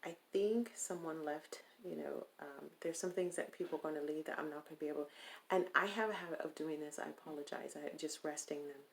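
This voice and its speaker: Her voice is low and gravelly as she puts on a fake foreign-sounding accent in a casual video chat. The Stockton, California vlogger rambles and hesitates, pausing often.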